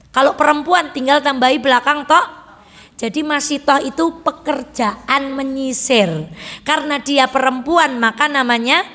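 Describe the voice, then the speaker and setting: A woman religious teacher with a Javanese accent, telling stories and asking her audience questions in a lively study talk. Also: high voice, big-room sound. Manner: animated storytelling, asks the audience questions.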